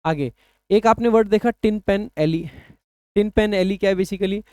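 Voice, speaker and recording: High-voiced man teaching exam English. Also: dark tone, clear, resonant tone, no room sound. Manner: explains patiently, slows down to read English phrases aloud. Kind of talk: exam-prep lesson.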